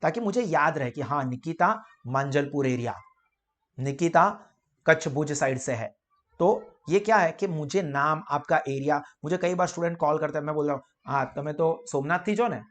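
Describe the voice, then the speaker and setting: A young man giving a casual, animated classroom lecture and acting out little dialogues between people. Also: a little high, normal speed. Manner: animated, mixes Hindi, Gujarati and English, acts out little dialogues. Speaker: commerce lecturer.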